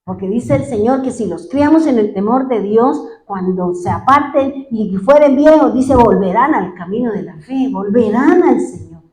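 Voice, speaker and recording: A woman's voice: a little high, animated, moderate pace, hardly any pauses, a little mellow, roomy sound, poor audio. A woman pastor preaching a sermon, firing off rhetorical questions.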